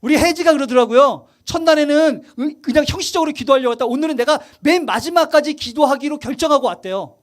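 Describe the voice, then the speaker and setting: A male pastor preaching a sermon to his congregation, telling stories with animated voices and asking questions, sometimes dropping to a quiet voice. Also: extremely high pitch, fast talker, few pauses. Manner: animated storytelling, acts out quotes and asks the congregation questions; drops to quiet, soft emphasis at points.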